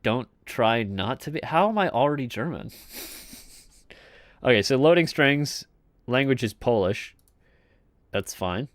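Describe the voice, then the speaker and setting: Casual male game dev streamer, unhurried and rambly, dry close-sounding voice. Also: medium pitch, animated, no room sound. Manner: rambling and joking, with chuckles and trailing off; talks to viewers in chat. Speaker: game developer streaming his work. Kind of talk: casual live coding chat.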